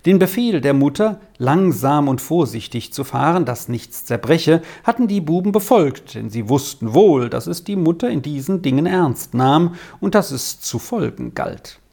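A reader narrating a German storybook in an expressive, melodic storytelling manner. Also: mid-range voice, moderate pace, vocal fry, hardly any pauses. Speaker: audiobook reader.

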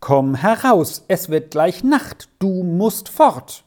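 A woman voicing a worried old housekeeper in a storybook reading, speaking in an anxious, pleading, softly urgent way. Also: on the low side, very animated, takes it slowly.

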